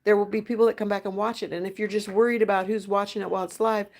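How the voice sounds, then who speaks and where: Speaking very fast in a level tone at medium pitch, a middle-aged woman hosts a family livestream. She chats casually with her children, patient and gentle, coaching them along.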